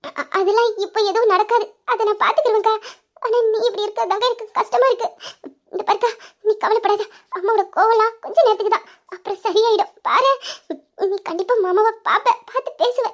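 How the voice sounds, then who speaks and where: A woman's voice: very high voice, a little fast. A woman voicing a cheerful young woman who laughs as she soothes her worried elder sister. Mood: reassuring. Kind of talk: Tamil audio story acting.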